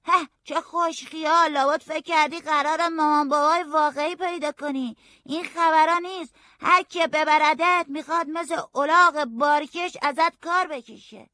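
A woman's voice: high voice, steady tone, pushed and bright, no room sound, studio quality. A woman voicing a defiant, mocking boy who shines shoes, in a storybook reading. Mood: scornful. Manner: cocky, mocking.

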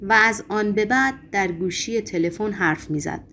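A woman's voice: mid-range voice, gravelly, fairly bright tone, slight background noise. A woman narrating a novel as an audiobook reader, lifting her voice for quoted lines.

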